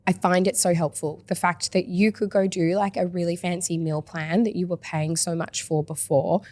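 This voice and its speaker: A woman hosting a casual podcast chat, enthusiastic and full of quick asides. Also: lowish voice, flat delivery, darkish tone, no echo. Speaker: podcast host.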